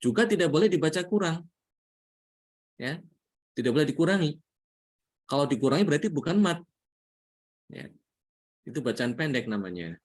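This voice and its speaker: A man's voice: on the high side, sing-song, moderate pace, pauses often, a little mellow. Patient Indonesian man teaching recitation. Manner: patient, repeats points with frequent "ya". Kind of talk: religious lesson.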